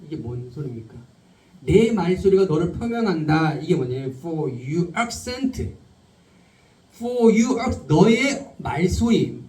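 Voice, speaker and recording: A male pastor preaching a sermon, firing rhetorical questions at the congregation and slowing down to stress key words. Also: fairly high pitch, big pitch swings, darkish tone. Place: church sanctuary. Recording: roomy hall, speaker far from the mic.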